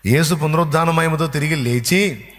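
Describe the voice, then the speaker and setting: A man's voice: a little high, normal speed, fairly bright tone. A male pastor preaching a sermon, emphatic and repetitive as he drives each point home. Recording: long hall reverb.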